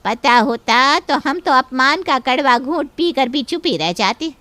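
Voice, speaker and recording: Woman voicing an aunt, high voice, reproachful, complaining. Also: animated, a little slow, bright, forceful tone, dry recording, heavily acted.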